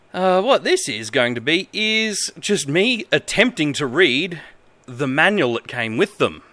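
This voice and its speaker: An Australian streamer in his thirties talks casually on a livestream from a desk indoors, reading aloud in a halting, comedic, amused, and emphatic way. His voice is fairly high, bright, and forceful, with no echo.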